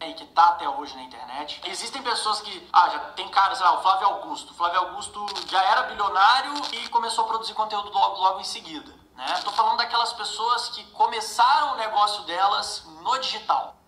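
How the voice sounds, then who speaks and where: Woman musing casually, bright voice bouncing back in a big canyon echo. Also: mid-range voice, a little fast, hardly any pauses, a little hiss or hum. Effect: canyon-like echo effect added in an editing app. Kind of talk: casual talk to camera. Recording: echo effect on a played clip.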